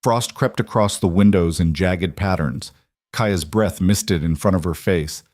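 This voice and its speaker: A man reading a dark fantasy romance with measured, dramatic storytelling. His voice sits low, and the recording is dry and close with no room sound. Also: no echo. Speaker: narrator. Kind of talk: scripted audiobook narration.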